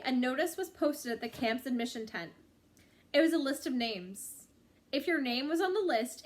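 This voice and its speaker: This is a high-voiced woman reading a book chapter out loud. She tells the story expressively and at a measured pace, letting her phrases stretch.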